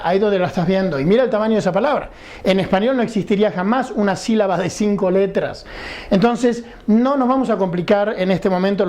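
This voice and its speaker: Pitched high with a darkish tone, a male English teacher walks through a recorded lesson. He is patient and explanatory, posing rhetorical questions and checking often that students understand.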